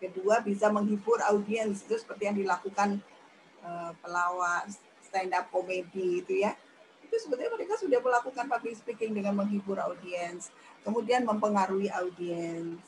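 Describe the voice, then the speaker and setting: A woman's voice: normal speed, a little hiss or hum, rough recording. A woman giving a talk on public speaking in a chatty, demonstrative teaching manner. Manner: chatty, demonstrative, acts out high-pitched examples. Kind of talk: radio talk lesson.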